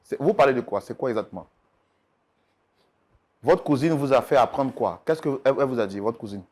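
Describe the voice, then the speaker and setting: A man hosting a talk show as mediator, firmly and gently calming a distressed guest with repeated requests. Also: mid-range voice, brisk. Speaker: mediator host.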